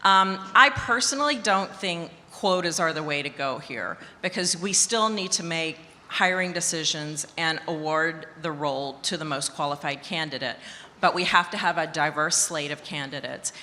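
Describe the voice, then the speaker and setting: A woman executive on a conference panel, speaking in a measured way and listing her points in order. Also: sits low, pushed and bright, a little hiss or hum. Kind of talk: panel discussion. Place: conference hall stage. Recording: long reverb of a conference hall.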